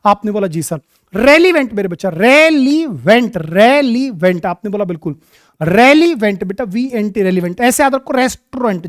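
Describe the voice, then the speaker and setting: A man with a high-pitched voice teaches an exam-prep English vocabulary lesson, mixing Hindi and English. He's affectionate with his students, calling them "my child" and "beta," and spells words slowly letter by letter. The recording is studio quality with no echo.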